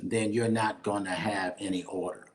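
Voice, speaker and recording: An older man, a bishop and guest, teaching in conversation at a measured pace and often repeating words as he thinks. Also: fairly low pitch, fairly even intonation.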